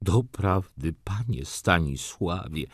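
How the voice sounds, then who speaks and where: A man voicing a fussy, easily flustered elderly nobleman who pleads slowly and emotionally. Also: low-pitched, expressive, breathy edge, no echo, clean studio sound, heavily acted. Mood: tearful. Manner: pleading, wheedling, slow and emotional.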